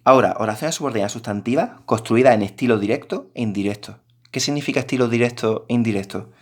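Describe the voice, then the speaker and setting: A man's voice: mid-range voice, fast. A man teaching a recorded grammar lesson, explaining patiently and addressing his students directly.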